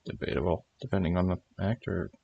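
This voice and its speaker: A man's voice: sits low, lively intonation, quick pace, gravelly, mellow, dull audio, slight background noise. A man giving casual, sweary game commentary in grumbling, muttered asides. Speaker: gaming streamer.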